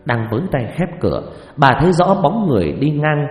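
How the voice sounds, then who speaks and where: A man's voice: fairly high pitch, very animated, fairly quick. Man narrating a ghost story in reverb. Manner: dramatic, suspenseful delivery. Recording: echoey reverb with faint music.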